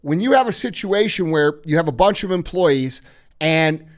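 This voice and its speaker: A man's voice: a little high, expressive, moderate pace. A man hosting a podcast, giving blunt, emphatic motivational advice with heavy swearing. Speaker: podcast host.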